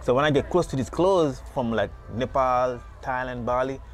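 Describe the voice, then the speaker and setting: Outdoors at his beach market booth, a man from Senegal recounts his story for a casual street interview. He talks at a normal speed in a medium-pitched voice, wandering off track, repeating himself, and dropping in plenty of "you know".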